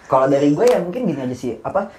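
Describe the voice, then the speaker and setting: A young man chatting casually as a host, unable to roll his r's, which soften toward l. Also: fairly high pitch, expressive, racing. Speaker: podcast host. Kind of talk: casual chat. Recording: roomy echo, some background noise.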